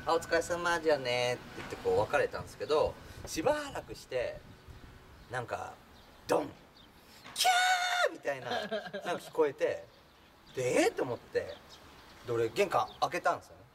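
A man's voice: mid-range voice, huge pitch swings, brisk. A man telling a funny true story in a casual way, acting out the voices of the people in it and laughing as he goes. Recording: distant mic with clear background noise.

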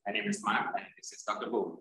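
A man's voice: lowish voice, steady tone, fast, bright, forceful tone, very echoey, poor audio. A man, an attending doctor, co-presenting an online information session with many hesitant fillers.

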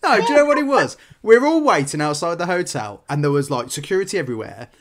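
A man's voice: sing-song, fast talker. A man co-hosting a casual podcast chat, telling anecdotes with laughs. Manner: chatty storyteller, laughs, puts on squeaky voices when quoting. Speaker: podcast co-host.

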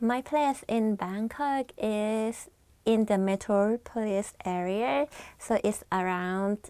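A Thai woman in her twenties, speaking with a Thai accent, hosts a scripted language lesson from a small studio with a plain backdrop. Her mid-range voice is slow, mellow, clear and resonant, recorded on a lapel mic with no echo. As the teacher host, she keeps things chatty with friendly asides.

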